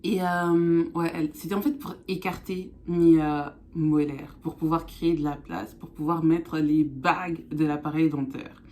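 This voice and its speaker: Low, mellow woman talking with braces. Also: steady tone, measured pace, few pauses, a little hiss or hum. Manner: speech affected by newly fitted braces. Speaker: vlogger. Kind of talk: casual chat to camera.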